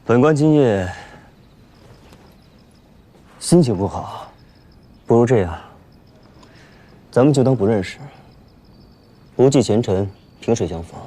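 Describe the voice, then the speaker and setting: Assertive period-drama official, medium pitch. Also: male voice, lively intonation, unhurried, pauses often, mellow. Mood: wistful, inviting. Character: self-assured, dryly assertive government official. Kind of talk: Chinese costume television drama acting.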